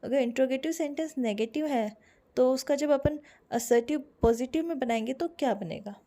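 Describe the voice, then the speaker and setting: A young woman with an Indian accent teaching English grammar online, explaining slowly and repeating each example sentence. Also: sits high, dark tone.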